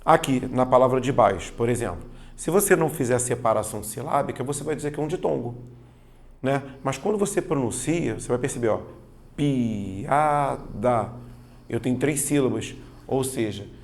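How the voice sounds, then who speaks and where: Gravelly-voiced male grammar teacher. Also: medium pitch, normal speed. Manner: patient, explanatory, keeps checking understanding with "tá vendo?" and "certo?"; leans on stressed spoken examples. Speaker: Portuguese teacher. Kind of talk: exam-prep grammar lesson.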